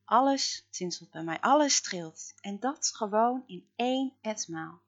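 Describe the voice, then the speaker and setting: A woman narrating a story in the first person, dramatic, swinging between loud outbursts and hushed murmurs. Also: mid-range voice, expressive, measured pace, lo-fi sound.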